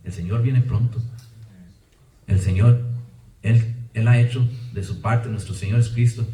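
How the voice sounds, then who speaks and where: A man's voice: on the low side, mellow. A man preaching a bilingual sermon, firing off rhetorical questions and acting out quotes. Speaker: pastor. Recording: echoey church room, mic at a distance.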